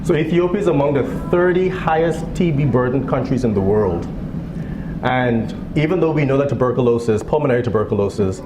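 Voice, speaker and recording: A man from the Bahamas in his thirties, a physician giving a fundraiser speech with a relaxed manner and joking asides. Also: mid-range voice, a little fast. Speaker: guest speaker, physician. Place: event hall. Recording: echoey hall with background noise.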